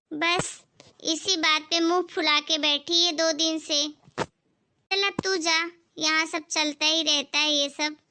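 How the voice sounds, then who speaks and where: A woman's voice: very high voice, sharp tone, full character voice. A woman voicing a stingy middle-aged mother-in-law who talks sharply and dismissively in a cartoon story.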